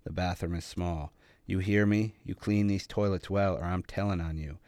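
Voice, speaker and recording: A man's voice: low voice, steady tone, normal speed, darkish tone, dry recording, natural voice. A man voicing a menacing male bully who snarls threats, then shrieks for help.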